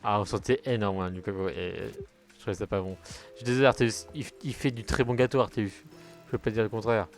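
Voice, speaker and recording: A man's voice: lowish voice, fairly even intonation, fast, soft background music. A young man chatting casually while streaming a car football game, rambling from topic to topic and swearing when plays go wrong. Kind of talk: casual gaming commentary.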